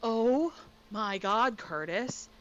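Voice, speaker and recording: A woman co-hosting a casual podcast chat from her bedroom, talking quickly and excitably. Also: a little high. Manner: fast, excitable talker. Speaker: podcast co-host. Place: bedroom at home. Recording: dull lo-fi with faint noise.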